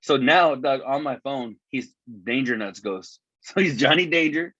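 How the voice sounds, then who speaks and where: A man's voice: mid-range voice, expressive, unhurried, a bit bright, breathy edge, dry recording. A man co-hosting a podcast in casual chat, rambling with lots of cursing and fillers, his voice tinny from an earbud microphone. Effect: tinny sound from earbud microphone. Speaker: podcast co-host. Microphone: wireless earbuds as microphone. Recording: dull lo-fi earbud mic, dry.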